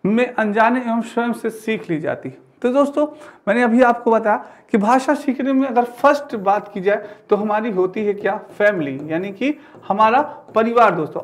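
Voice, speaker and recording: Lecturing to camera for an exam-prep class, a man explains material from an indoor studio with a digital teaching board and keeps asking rhetorical questions. He sounds high-pitched and animated, at a moderate pace.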